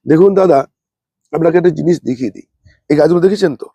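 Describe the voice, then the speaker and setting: Man, gravelly, mellow tone, unwell, slow repetitive gardening demo. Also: fairly high pitch, no room sound. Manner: speaks slowly and plainly, repeating points. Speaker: rooftop gardening channel host. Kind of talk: hands-on gardening demonstration.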